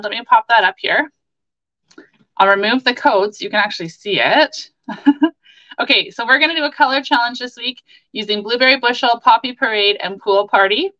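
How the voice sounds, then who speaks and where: A Canadian woman in her forties hosts a casual crafting livestream with chatty enthusiasm. Her voice is fairly high and very bright. The sound is slightly dull, as if caught by a webcam mic in a small home office. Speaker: craft demonstrator and livestream host.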